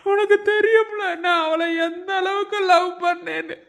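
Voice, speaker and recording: A man's voice: very high-pitched, steady tone, normal speed, gravelly, a bit bright, full character voice. A performer voicing a grieving young husband in a cartoon, sobbing and begging for his dying wife. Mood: sobbing plea. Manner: sobbing, pleading. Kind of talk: cartoon voice acting.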